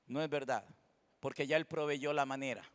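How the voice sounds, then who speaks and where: A man preaching a passionate sermon, rising to loud cries and dropping to quiet murmurs. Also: steady tone, moderate pace. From Costa Rica. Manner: impassioned preaching, swinging between loud cries and low murmurs. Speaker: pastor. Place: church sanctuary. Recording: long reverb of a church hall.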